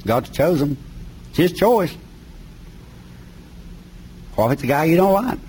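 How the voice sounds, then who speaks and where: A man's voice: on the high side, very animated, measured pace, a little mellow, slightly rough. A middle-aged man from the North Carolina mountains with an Appalachian accent, preaching a sermon and reading scripture in a folksy, plain-spoken way with colloquial grammar. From mountains of North Carolina, USA.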